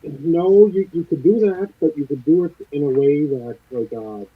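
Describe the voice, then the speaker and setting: Man, muffled underwater-sounding phone line, husky voice, dry tinny sound, hesitant casual chat. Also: a little high, moderate pace, no echo. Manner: hesitant, trailing off with fillers. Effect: muffled, underwater-sounding phone audio. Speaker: guest calling in to a live hobby talk show.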